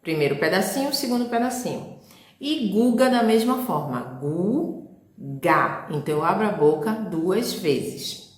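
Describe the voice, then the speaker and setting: A woman's voice: medium pitch, lively intonation, normal speed, darkish tone, reverberant. A woman teacher with a Brazilian Portuguese accent, giving a recorded lesson to young children and sounding out letters and syllables patiently.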